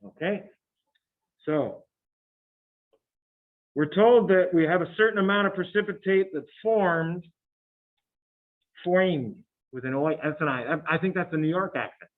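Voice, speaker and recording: A man's voice: on the high side, normal speed, pauses often. Tinny-sounding chatty male chemistry teacher. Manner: chatty, thinks aloud, quizzes students. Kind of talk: classroom lecture working problems. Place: classroom. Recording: tinny phone-like classroom recording.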